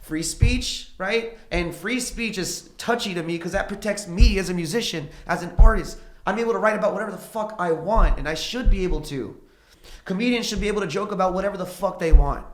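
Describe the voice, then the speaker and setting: Man, musician guest, casual podcast chat, swears a lot, animated storytelling, echoey room. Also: sits high, fairly quick.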